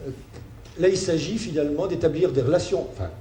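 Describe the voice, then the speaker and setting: A man giving a spoken lecture, halting, with many fillers and restarts. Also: fairly high pitch, dark tone. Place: lecture hall. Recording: roomy hall sound with faint ambient noise.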